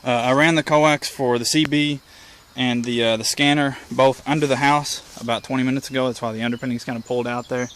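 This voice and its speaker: A man with a steady, fairly bright mid-range voice talks a little fast as he leads a casual, plainspoken walkthrough. The hobbyist presenter is outside by a house porch, and the recording clearly picks up insects, birds, and the outdoor ambience.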